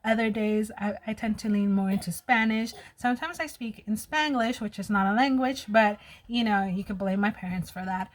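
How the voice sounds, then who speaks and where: An American woman in her thirties with a slight lisp chats casually and openly with viewers as she does her makeup. This vlogger sounds chatty and personal, her medium-pitched voice moving at a moderate pace with few pauses.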